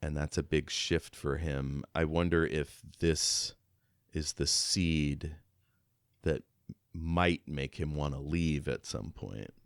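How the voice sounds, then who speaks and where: A man co-hosting a podcast talks through a book in a casual, reflective, conversational way. His voice is extremely low-pitched and smooth, and he speaks slowly, with clean studio sound and no room sound.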